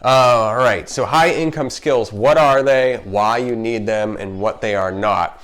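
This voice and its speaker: His mid-range, fairly bright voice moves at a measured pace, marked by a slight lisp from retainers. The man, a marketer and video host, chats casually and emphatically through an unscripted explainer vlog in his home kitchen, regularly breaking off mid-thought.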